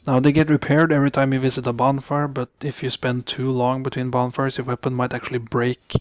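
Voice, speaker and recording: This gaming commentator is a young Norwegian whose first language is Norwegian, talking through gameplay casually in English. He speaks in a mid-range voice with flat delivery and no echo, hesitating, frequently correcting himself, and muttering asides quietly.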